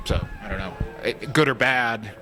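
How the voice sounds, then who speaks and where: A man's voice: medium pitch, normal speed, music in the background. A man in casual podcast chat, talking loosely with many fillers and hedges.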